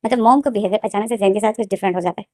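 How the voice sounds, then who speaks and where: Woman storyteller, mellow and dry, rambling delivery with restarts, casual fan story narration. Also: mid-range voice, racing, dry recording.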